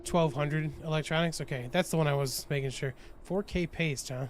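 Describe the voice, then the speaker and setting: A man's voice: a little high, moderate pace, noisy background. A man hosting a gaming channel, chatting casually with teammates as he plays, laughing often and restarting his sentences. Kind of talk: casual let's-play chat with teammates.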